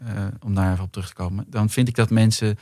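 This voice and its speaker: A man's voice: on the low side, fairly even intonation, fast, dark tone, dry recording, clean studio sound. Man telling thoughtful anecdotes. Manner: thoughtful anecdotes, many fillers. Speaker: guest, actor and writer. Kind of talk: casual chat.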